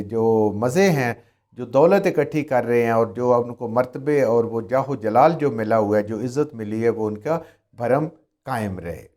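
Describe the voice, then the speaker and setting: A man's voice: mid-range voice, a little mellow. A man teaching a Quran commentary lesson, reciting Arabic verses and then explaining them, repeating and rephrasing his points.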